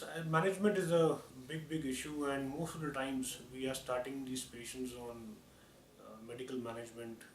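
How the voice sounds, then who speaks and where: A man with an Indian accent giving a formal, explanatory medical talk as a surgeon, with hesitant phrasing. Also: medium pitch. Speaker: orthopedic surgeon. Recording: echoey room, distant mic, clear noise.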